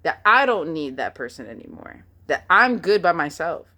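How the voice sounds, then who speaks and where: Candid woman reflecting, low-pitched. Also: big pitch swings, normal speed. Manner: candid, emotional, swings from soft to emphatic. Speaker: host. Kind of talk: personal reflection monologue.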